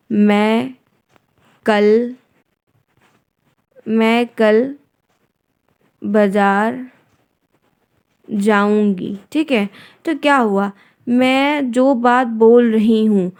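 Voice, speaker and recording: A woman's voice: fairly high pitch, a little mellow, clean tone. A woman teacher explaining exam questions step by step and often checking in with her students. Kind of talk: exam-prep lesson.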